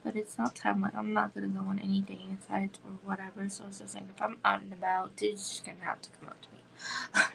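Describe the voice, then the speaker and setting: Woman in her thirties, home livestream host, gravelly voice, rambling chatty delivery full of "like". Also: medium pitch, monotone, a little fast, noisy background. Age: 30s. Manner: rambling, frequent "like" fillers, drops into whispers. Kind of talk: casual chat.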